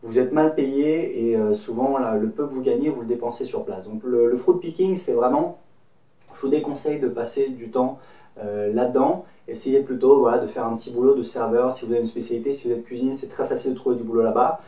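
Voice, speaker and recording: A Frenchman in his thirties hosts a casual talk to camera, giving travel advice drawn from his own trips. His mid-range voice is mellow and brisk, and he comes across as chatty and friendly. The mic sits at a distance in an echoey room.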